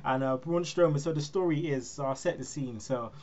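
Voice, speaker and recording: A man's voice: medium pitch, a little fast, a little mellow. A man hosting a casual wrestling chat, telling stories with lots of laughs and acted-out quotes. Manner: storytelling, laughs often, acts out quotes. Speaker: podcast host. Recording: muffled lo-fi recording.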